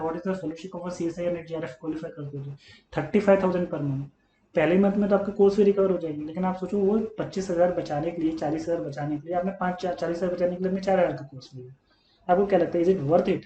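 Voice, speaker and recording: A man with a high, dark-toned voice teaches chemistry to students preparing for exams, speaking earnestly and coaxingly. He often calls them "beta" and repeats his points. The lo-fi recording comes from an echoey room with a faint hum.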